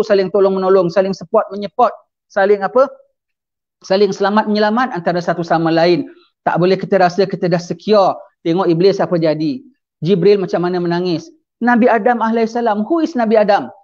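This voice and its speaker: A man's voice: high voice, steady tone, fairly quick, darkish tone, highs cut off. A man preaching a sermon, mixing English phrases into his speech and asking his audience questions that he then answers himself.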